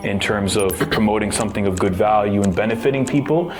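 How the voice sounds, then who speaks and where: A young man hosting a podcast interview, talking in a relaxed, earnest way with many fillers. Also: lowish voice, fast. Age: young adult. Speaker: podcast host. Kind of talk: casual interview.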